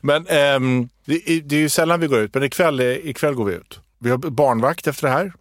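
A man in his thirties co-hosting a podcast, chatting casually and telling stories in an animated way. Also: medium pitch, no room sound, studio quality. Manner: lively, animated storyteller. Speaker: podcast co-host. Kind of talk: casual chat and storytelling.

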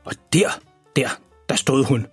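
A man's voice: medium pitch, slightly rough, no room sound, soft background music. A man playing an embarrassing, boastful father who rambles through tall tales in a children's story. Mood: rambling. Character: boastful, embarrassing dad, tall-tale teller.

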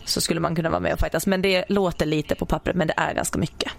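A young woman, a sprinter, chatting casually and telling stories in an animated way, acting out her own reactions. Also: sits low, gravelly. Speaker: podcast guest, sprinter. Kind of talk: casual chat.

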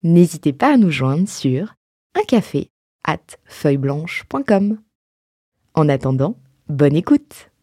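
Woman, deep breathy voice, scripted promo read, dry close mic. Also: sing-song, slow pace, dark tone, no echo. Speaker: agency co-founder. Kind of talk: scripted podcast intro.

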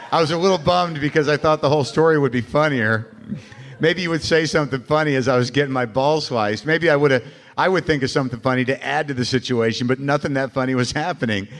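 A man's voice: medium pitch, a bit bright. American man hosting a live comedy show. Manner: profane, informal. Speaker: podcast host, comedian. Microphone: stage microphone. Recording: live room with faint background noise.

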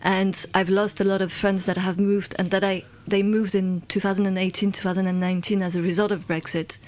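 A woman's voice: medium pitch, level tone, fairly quick, darkish tone. A London-born woman, a guest in a conversational interview, talking in a hesitant way with many fillers and restarts.

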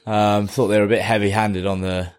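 A man's voice: fairly low pitch, flat delivery, brisk, darkish tone, clear, resonant tone. A man co-hosting a casual sports podcast in a jokey, self-mocking way. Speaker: podcast co-host.

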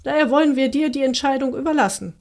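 A woman reading the lines of two big, simple-minded male giants who quarrel over a hat, in a hurried, insistent way. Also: high-pitched, a little mellow.

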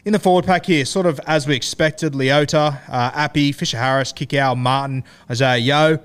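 A man's voice: fairly high pitch, fairly even intonation, moderate pace, clear, resonant tone. An Australian man hosting a sports podcast in a casual, broad, slangy, blokey style. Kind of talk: casual fantasy rugby league chat.

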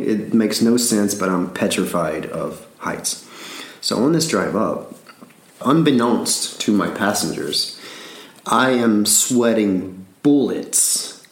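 A man's voice: lowish voice, lively intonation, takes it slowly, echoey room. A man from Alabama with a Southern accent, rambling through a casual story with frequent laughs and repeated words.

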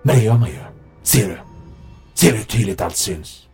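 A man voicing a cold, menacing masked man whose voice runs through a metallic voice changer, hushed and threatening, in an audiobook. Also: lowish voice, animated, soft background music, pitched above the performer's own voice. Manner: hushed, threatening, spits curses. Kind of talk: audiobook narration.

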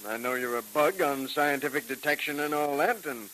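An actor playing a skeptical but good-natured colleague of a detective in old radio drama style. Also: male voice, fairly high pitch, normal speed, sharp tone, low-quality recording. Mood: doubtful, probing. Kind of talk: 1940s radio drama acting. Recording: hissy old radio recording.

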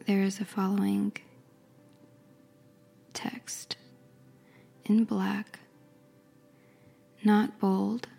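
A woman speaks in a soft, careful ASMR whisper. Her delivery is slow and flat, barely rising or falling, with a dark, mellow tone. A husky, gravelly texture runs through her breathy voice. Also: medium pitch. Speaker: ASMR creator. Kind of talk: ASMR whispered reading and description.

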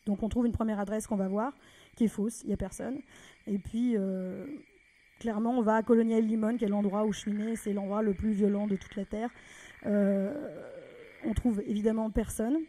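A French woman telling a personal story in a lively, conversational way, often acting out the people she quotes. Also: mid-range voice, moderate pace. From France.

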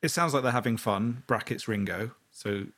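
A comedian talks as a podcast guest in a husky, mid-range voice. He speaks with easy enthusiasm and keeps chiming in with quick agreement. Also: mid-range voice, fairly bright tone. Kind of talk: casual podcast chat.

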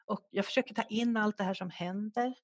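A middle-aged woman, a guest author in an interview, telling a personal story in a soft, halting, reflective way. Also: medium pitch, fairly even intonation, no echo, clean studio sound.

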